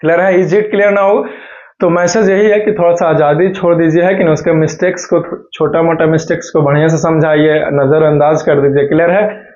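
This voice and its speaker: A man teaching a school English class, often checking that students follow and dictating answers slowly. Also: a little high, steady tone, a little mellow. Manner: keeps checking in with students, slow word-by-word dictation. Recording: dull lo-fi recording.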